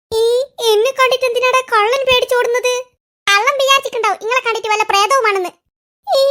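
Squeaky cartoon kids, quick bickering banter, very high voice. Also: female voice, fairly bright tone. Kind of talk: comic cartoon voice acting.

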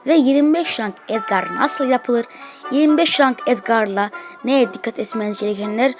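A woman giving excitable gameplay commentary as a gaming video host, trash-talking opponents as she plays. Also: on the high side, normal speed, music in the background. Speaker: gaming YouTuber.

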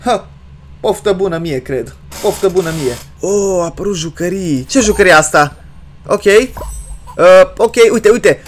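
Excitable young man gaming. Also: high voice. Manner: excitable, jokey, with sudden loud yelps. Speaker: gaming YouTuber. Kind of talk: let's-play commentary.

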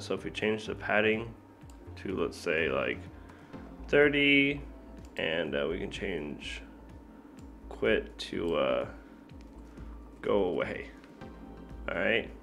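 Laid-back slow-talking man explaining code. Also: on the low side, vocal fry, a bit bright. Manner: laid-back, filler-heavy, thinking aloud with self-corrections. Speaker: programming tutor. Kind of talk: casual screen-recorded coding tutorial.

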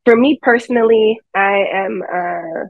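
A young woman organizer speaking unscripted on a webinar from home, halting with many fillers and restarts. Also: mid-range voice, dry recording. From United States. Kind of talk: unscripted panel remarks. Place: home, seated by a staircase. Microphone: phone or laptop on a video call. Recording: dull lo-fi call audio.

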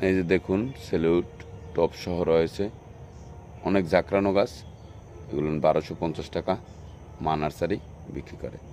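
Low-pitched and dark-toned, this man speaks at a moderate pace with fairly even intonation and long pauses, over a faint hiss or hum. He hosts a nursery video, walking casually through an outdoor plant nursery and pointing out plants in a repetitive, salesy manner, with a Bangladeshi Bengali accent.

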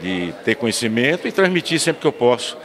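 An older man from São Miguel das Matas, Bahia, Brazil, speaks as a guest in a recorded interview inside the municipal council chamber, earnestly telling local history into a handheld mic held by the interviewer. His medium-pitched voice is very animated and fairly quick, and he tells his story expansively, restarting words. A crowd can be heard in the background.

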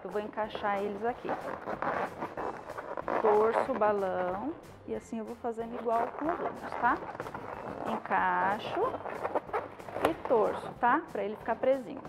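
This balloon decoration tutorial comes from a Brazilian woman in her thirties in an indoor studio with a balloon wall. Fairly high-pitched and unhurried, she pauses often and tosses in brief checking questions while teaching informally. The audio is poor, with clear music playing underneath.

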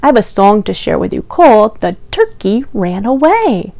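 A young woman, a children's librarian hosting storytime, reads aloud in a simple sing-song way and asks the little listeners questions. Her mid-range voice is mellow with big pitch swings, vocal fry, and a moderate pace. Recorded on a lavalier clipped to her T-shirt, the sound has no room sound.

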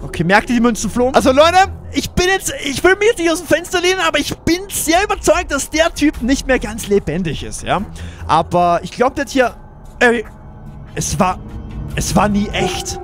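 A hoarse man with a very high, lively voice, giving let's play commentary straight to his viewers. He is excitable and quick to yelp and shout when something chases him. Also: soft background music. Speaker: gaming video creator.

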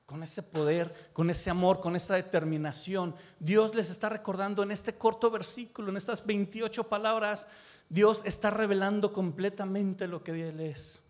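A pastor delivers an impassioned sermon in a fairly high voice. He builds on repeated phrases and puts direct questions to the listener. His voice rings out with a long reverb in a large church hall. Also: fairly even intonation, normal speed.

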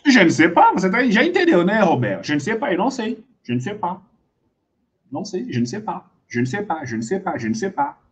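High-pitched guy teaching a live class online, drags words out slow, repeats stuff, keeps chuckling, kinda muffled lo-fi stream audio. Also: wildly swooping pitch. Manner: drills words by slow repetition, playful, chuckles often; switches between French and Portuguese. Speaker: French teacher. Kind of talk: live online language lesson.

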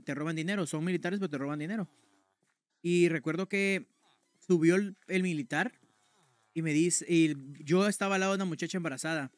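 A young man with a fairly high-pitched voice is streaming games from a room at home, and there's no echo. He casually tells his chat a personal story, using slang and a conversational tone.

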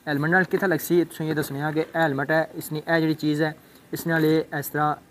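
A young adult man, a motovlogger, speaks fairly quickly in a flat, somewhat high voice with slight background noise. In a casual unboxing and setup demo recorded on a phone outdoors, first on a rooftop and then by a roadside, he shows how to fit a phone mount to a helmet. He rambles and keeps repeating "thik ai" and "check karne aan."

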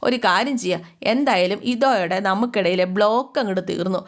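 A woman voicing a callous young husband, speaking in a slow, taunting sneer. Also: medium pitch, natural voice. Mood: mocking.

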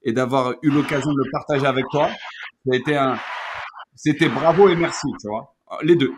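A man's voice: medium pitch, normal speed, noisy background. A man who hosts a podcast and once played football, speaking in casual chat with an earnest, sincere tone. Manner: earnest, sincere tribute to a friend. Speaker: podcast host, former footballer.

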